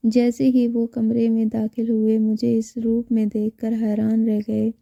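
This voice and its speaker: A woman narrating a scripted story in a calm, even manner, in a dull, muffled recording. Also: a little high, a little slow, vocal fry, no echo.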